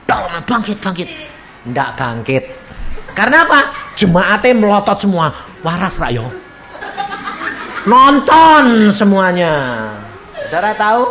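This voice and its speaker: A man preaching a sermon, telling stories with acted-out voices, shouts and laughter. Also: on the high side, a little hiss or hum. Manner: animated storytelling, acts out voices, shouts and laughs.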